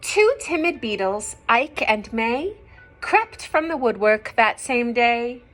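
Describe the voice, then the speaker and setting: Female storybook reader, fairly high voice, unhurried, expressive, teacherly asides to kids, faint music behind. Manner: expressive, simple explanations and questions for children. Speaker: teacher reading aloud to children. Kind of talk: storybook read-aloud with asides to young listeners.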